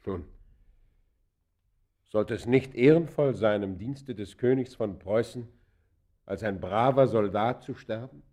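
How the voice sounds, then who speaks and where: Playing an arrested, defiant traveller full of pride in a German radio play, the actor answers with curt, haughty, wary formality. His male voice is on the low side with a darkish tone, and he goes slowly, pausing often.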